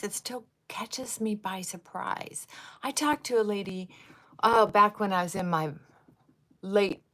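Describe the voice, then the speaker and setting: In a mid-range voice, a woman in her sixties hosts a casual livestream while applying makeup. She rambles from one side topic to the next, sometimes softening to a murmur.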